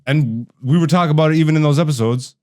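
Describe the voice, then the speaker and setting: A man's voice: a little high, quick pace, mellow. A young man hosting a podcast, a comedian chatting loosely and laughing often. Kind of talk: casual podcast chat.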